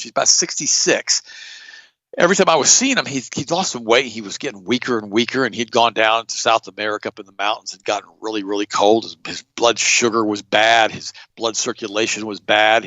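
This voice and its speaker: A middle-aged man hosting a show, telling stories in a blunt, animated way and jumping up in pitch for emphasis. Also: dry recording, lo-fi sound. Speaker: podcast host. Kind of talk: casual storytelling chat.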